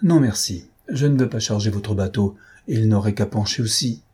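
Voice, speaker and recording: A man's voice: on the low side, moderate pace, darkish tone, husky. A man voicing a fretful, jealous husband who talks in an uneasy, grumbling way.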